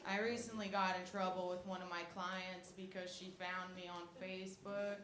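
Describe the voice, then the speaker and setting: Young female stand-up comic, self-mocking and deadpan, live club sound with room echo. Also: lowish voice, normal speed. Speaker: stand-up comedian. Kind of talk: stand-up comedy set. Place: comedy club stage with audience. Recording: echoey room with audience noise.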